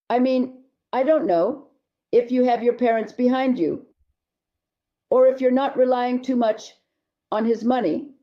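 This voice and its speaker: Speaking directly to the listener, a female marriage therapist responds to viewer questions with blunt, emphatic advice. She has a fairly high voice, and the audio is dull.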